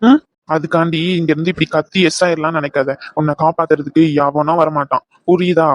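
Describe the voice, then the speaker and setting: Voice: medium pitch, fairly even intonation, brisk, dry recording, close to an everyday voice. A performer voicing an arrogant, leering rich man in a cartoon, menacing and condescending. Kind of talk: cartoon voice acting.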